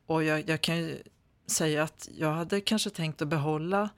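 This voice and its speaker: Creaky-voiced Swedish man, hesitant. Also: fairly high pitch, steady tone, no room sound. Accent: standard Swedish. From Sweden. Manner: hesitant, many fillers and restarts. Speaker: author being interviewed. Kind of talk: conversational interview.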